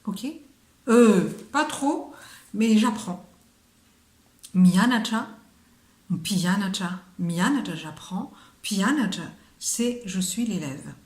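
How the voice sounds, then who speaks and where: A woman's voice: mid-range voice, expressive, slow, a little mellow, roomy sound. A woman teaching a casual online language lesson, chatty and often putting questions to the viewer. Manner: chatty, asks the viewer questions, drops into whispers.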